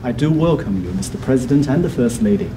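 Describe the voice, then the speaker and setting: A man interpreting a speech in a translation voice-over, speaking in measured phrases, played as a clip in a news report. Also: medium pitch, expressive. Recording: clip with noisy ambience behind.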